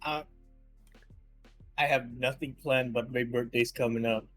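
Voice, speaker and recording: A man on a podcast, a streamer introducing himself, playful and quick to protest. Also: mid-range voice, steady tone, a bit bright, faint music behind. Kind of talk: casual chat among streamers.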